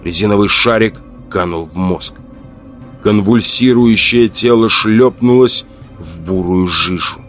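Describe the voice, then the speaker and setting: A man narrates a horror audiobook in a low voice with measured, dramatic pacing. Faint music plays underneath his reading. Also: a bit bright.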